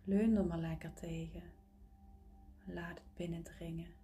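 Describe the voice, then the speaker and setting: A woman leading a guided relaxation meditation in a soft, breathy, partly whispery voice, close and intimate as if right in your ear, soothing with gentle pauses. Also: fairly low pitch, flat delivery, a little hiss or hum.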